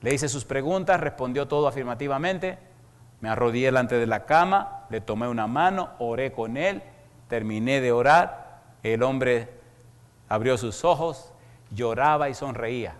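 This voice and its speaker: Pastor preaching, blunt and dramatic, mid-pitched voice, big echoey church hall. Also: male voice, lively intonation, normal speed. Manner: dramatic storytelling, blunt and direct. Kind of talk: evangelistic sermon. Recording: long hall reverb.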